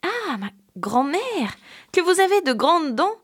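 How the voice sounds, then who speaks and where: A small, obedient peasant girl from a folk tale, voiced by a woman telling the story. Her voice sits very high and swings widely as she asks her naive questions, sounding like a child in a storybook reading. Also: big pitch swings, takes it slowly, heavily acted. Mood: innocent, questioning.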